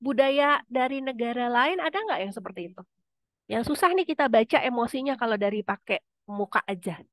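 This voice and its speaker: A woman's voice: a little high, expressive, fairly quick, fairly bright tone, dry recording. Woman lecturer running an online class, chatty and questioning, dry recording. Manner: conversational, asks students questions.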